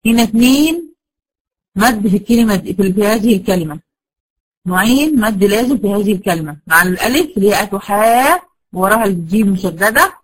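A woman with an Egyptian Arabic accent teaching a class in Quran recitation, often asking questions and answering them herself, and drawing out key terms slowly. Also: mid-range voice, lively intonation, low-quality recording. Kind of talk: classroom lecture.

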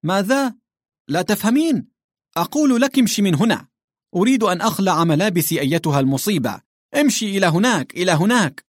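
A man voicing a hefty, crude male landowner who grumbles and shouts in exasperation. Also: fairly low pitch, fairly quick, slightly rough, no room sound, clean studio sound. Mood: shouting.

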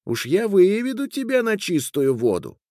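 A man's voice: sits high, very animated, normal speed, warm tone, dry recording, clean studio sound, pitched above the performer's own voice. Man putting on a nosy, stubborn peasant wife. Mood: prying. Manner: prying, insistent questioning.

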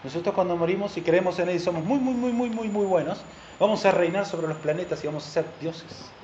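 A man preaching, his voice sitting high, keeps firing questions at the congregation. The recording is dull and lo-fi, with the roomy echo of a church hall and a faint hiss behind. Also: a little fast, darkish tone. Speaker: pastor. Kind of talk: sermon.

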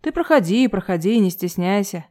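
A woman voicing a bitter young man, rude, loud and sarcastic. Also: mid-range voice, normal speed, lightly acted.

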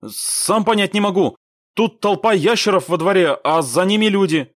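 A man voicing a young radio operator who reports from a battle in high, tense, clipped bursts. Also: lively intonation, measured pace, dry recording, clean studio sound. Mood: urgent. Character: young male radio operator, urgent and strained.

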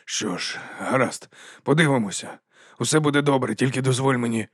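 A steady stable master who speaks in a soft, soothing murmur, as a male narrator puts him on. He talks at a medium pitch, and the sound is dry and close. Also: a little fast, dry recording, natural voice.

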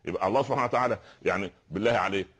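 A man's voice: lowish voice, husky. A man with an Egyptian accent preaching a sermon, telling stories and posing rhetorical questions to his listeners. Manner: fast, animated storytelling preacher with rhetorical questions.

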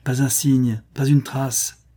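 A man's voice: medium pitch, little pitch movement, slow, dark tone, husky. A man voicing a bold young French adventurer in an audiobook, speaking emphatically with exclamations.

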